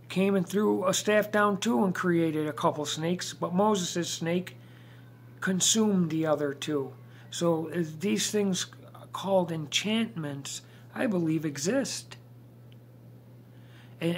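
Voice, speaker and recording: A man delivering an emphatic, preachy monologue, slowing down to stress his points, recorded on a phone in a dim room at home. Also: on the high side. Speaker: video monologuist.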